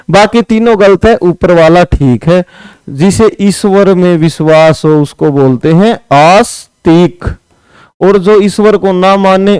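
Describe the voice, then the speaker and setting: Blunt guy teacher doing spelling questions, high clear voice, scolds students a bit. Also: darkish tone, dry recording, low-quality recording. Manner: blunt, chiding, calls students brother. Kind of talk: exam-prep spelling lesson.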